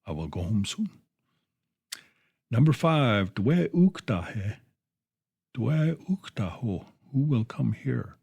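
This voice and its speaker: A man teaching a language lesson on the radio, repeating each phrase twice in a slow, patient drill, with a dry folksy humor. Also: medium pitch, big pitch swings, vocal fry, a little mellow, slightly rough.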